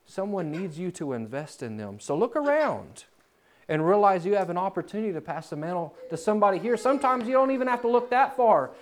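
A man preaching a sermon in a church, swinging from loud, climbing emphasis to quiet, low asides. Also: expressive, brisk.

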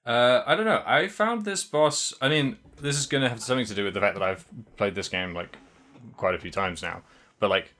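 A podcast co-host with a low, bright, forceful voice chats casually about video games. He rambles quite a bit, restarting his sentences again and again.

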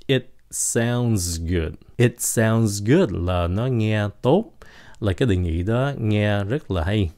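A man with a Vietnamese accent teaching English pronunciation on a podcast, repeating words slowly and explaining them. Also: on the low side, dark tone.

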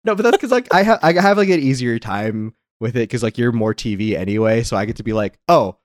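A man's voice: mid-range voice, fast talker, dry recording, clean studio sound. A man co-hosting a podcast, talking casually and playfully, cutting in with jokes. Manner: animated, playful, jumps in with jokes. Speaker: podcast co-host.

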